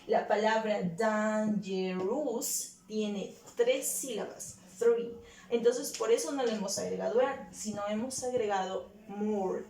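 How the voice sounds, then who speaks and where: Slow, echoey bilingual woman teacher. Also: a little high, a little mellow, far from the mic. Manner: slow and deliberate, repeating words and switching between English and Spanish. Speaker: English teacher. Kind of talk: bilingual classroom lesson for children.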